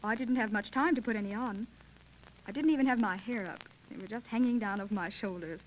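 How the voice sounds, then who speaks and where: This is a hissy, muffled 1930s radio recording of a scripted interview, in which an eighteen-year-old woman from the United States who won a contest replies to questions in a brisk, mid-range voice.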